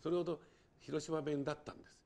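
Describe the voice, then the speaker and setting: Fast, gravelly older man telling stories. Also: on the high side. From Hiroshima, Japan. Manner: lively, acts out dialect speech in quotes. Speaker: documentary writer, guest. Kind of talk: animated interview storytelling.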